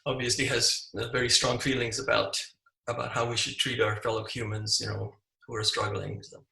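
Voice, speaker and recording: A man in his seventies, born in Hungary, speaking as an interview guest and recalling his life in a reflective, halting way with many restarts. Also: mid-range voice, flat delivery, gravelly, sharp tone, echoey room, rough recording. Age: 70s. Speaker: guest, physician and screenwriter. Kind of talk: casual interview.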